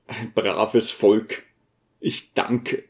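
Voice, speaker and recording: A man reading an audiobook and voicing a grave, weary old archpriest who speaks slowly and solemnly. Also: medium pitch, expressive, lightly acted. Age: older. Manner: slow, solemn, sighing.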